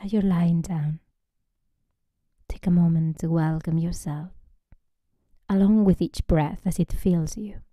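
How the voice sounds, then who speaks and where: Leading a guided relaxation meditation, this yoga teacher speaks gently and slowly, her voice often easing into a breathy near-whisper. It sits on the low side with fairly even intonation, captured in a dry, clean studio recording.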